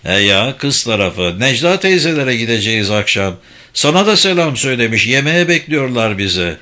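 A grown son home on a visit, affectionate and playful, speaking low, calm and tender, as a male reader plays him. His voice sits somewhat below the narration yet keeps a bright, crisp edge. A gentle storybook character. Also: normal speed. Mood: reassuring. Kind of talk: storybook reading.

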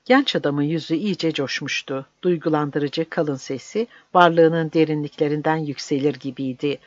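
A narrator reading a novel aloud in a measured, even storytelling manner. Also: mid-range voice, no echo. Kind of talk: audiobook narration. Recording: dry, slightly dull.

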